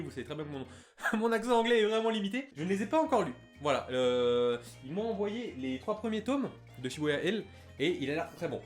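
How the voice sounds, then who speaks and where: A young man chats excitedly through a casual vlog, his fairly high voice bouncing up and down. He rambles with fillers and quick laughs. Faint music plays behind him. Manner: chatty, enthusiastic, lots of fillers and laughs. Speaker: YouTuber showing his manga collection.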